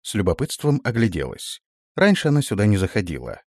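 A male narrator reads a fantasy audiobook, rising and falling a great deal as he tells it. His voice sits fairly low, and the recording is dry and close. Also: fairly quick, no echo. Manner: expressive, voices every character. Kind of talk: audiobook reading.

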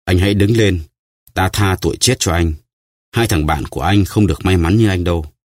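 Brief: man doing a grave, commanding nobleman, very deep and dry. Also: brisk, no room sound. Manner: solemn, grave. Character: stern vengeful nobleman, solemn and commanding.

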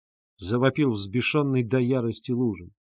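A man reading a classic novel aloud in a measured, dramatic narration. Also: mid-range voice, darkish tone, no echo, studio quality. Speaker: audiobook narrator. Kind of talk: scripted narration.

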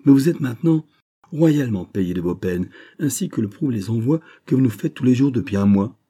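A man voicing an effusive, flattering middle-aged male bank sub-director in an audiobook reading. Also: medium pitch, fairly quick, slightly rough. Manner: gushing, emphatic, flattering.

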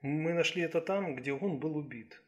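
A man reading the lines of a tired young female police detective in an audiobook, quiet and subdued. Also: on the high side, normal speed, dull audio, lightly acted.

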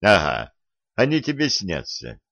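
Man reading a calm, dry-witted grown hunter. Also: on the low side, a little slow, no room sound. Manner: calm, restrained, occasionally sarcastic. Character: patient seasoned adult male monster hunter, dry wit. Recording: dull lo-fi recording.

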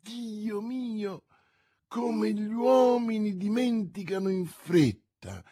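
A man's voice: fairly high pitch, lively intonation, slow, darkish tone, husky, exaggerated voice. A man voicing a lovesick, stingy lawyer's wife who speaks in a plaintive, pleading way.

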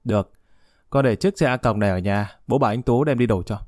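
A man's voice: mid-range voice, fast talker, darkish tone, dry recording, studio quality, lightly acted. A man voicing a stern, worldly older official who talks bluntly. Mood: weary. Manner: blunt, commanding, uses familiar address.

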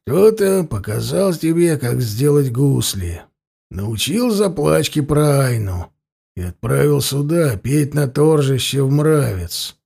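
A man performs a full character voice as a grim warrior interrogating a prisoner in an audiobook story. Quiet, even and low-keyed, he speaks each word slowly and deliberately, and the gravelly darkness in his voice makes the cold calm feel menacing.

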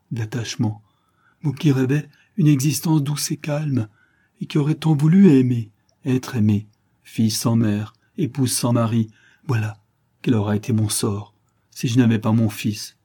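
A man voicing a gentle, sorrowful young mother who speaks softly and pleadingly. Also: mid-range voice, a little slow, husky. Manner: soft, pleading, emotional.

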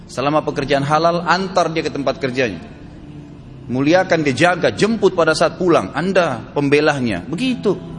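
A man preaching an Islamic sermon, forceful and emphatic, often asking rhetorical questions. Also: on the high side. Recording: hall reverb with faint music behind.

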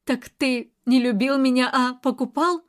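A woman's voice: sits high, fairly even intonation, unhurried. A woman reading an audiobook, voicing a frightened but defiant young woman who pleads and then cries out in distress. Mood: tense, fearful.

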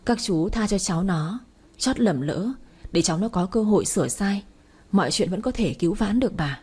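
A woman's voice: medium pitch, lively intonation, moderate pace, a little mellow, breathy edge. Woman reading a pleading tearful mother. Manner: pleading and begging. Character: weeping pleading middle-aged mother.

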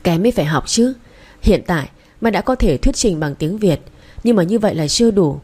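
A woman's voice: on the low side, lively intonation, fairly quick, dark tone, slightly rough. Woman reading as a patient young male tutor. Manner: patient, instructive. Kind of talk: audiobook dialogue reading.

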